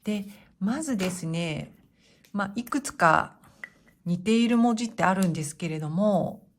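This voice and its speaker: A woman teaching hiragana, calmly reading the kana one by one and explaining how to write them. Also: medium pitch, moderate pace. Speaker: Japanese teacher.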